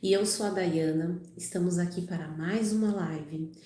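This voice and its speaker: A woman speaks at a normal speed in a fairly low, mellow voice, and the sound is roomy. During her casual livestream she reads the Bible aloud and chats, using lots of "né" and "tá bom." Her voice is slightly off as she recovers from a cold.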